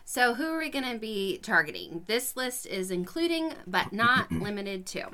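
A woman in her thirties co-hosting a podcast with her husband, upbeat and quick to laugh. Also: medium pitch, very animated, bright, forceful tone. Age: 30s. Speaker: podcast co-host. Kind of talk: casual podcast chat.

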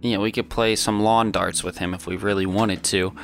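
A man with a low voice plays at a tabletop game, cocky and joking, with casual swearing. He keeps up a laid-back banter with the others. Faint music plays underneath. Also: fairly even intonation, moderate pace, creaky, a bit bright. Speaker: player.

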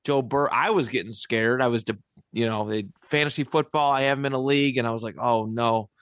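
A man's voice: mid-range voice, a little fast, fairly bright tone, clear, resonant tone, no echo, studio quality. A man hosting a casual sports podcast, rambling and laughing often. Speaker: podcast host.

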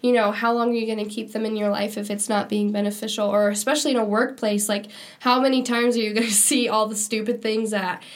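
A young woman co-hosts a casual faith-based podcast, sounding nasal from a cold. Her medium-pitched voice moves quickly with little pitch variation, and her chatty talk is packed with "like" and "um."

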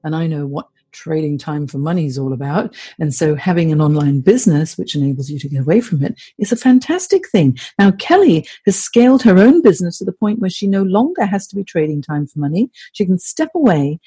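A woman's voice: deep voice, expressive, fairly quick, few pauses, warm tone, breathy edge. A woman hosting a podcast, presenting and interviewing in a conversational style. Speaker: podcast host.

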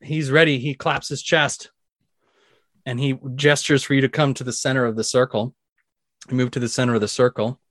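A man narrating a tabletop game as dungeon master, telling the action vividly and excitedly, with sound effects. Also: medium pitch, normal speed, no room sound, clean studio sound.

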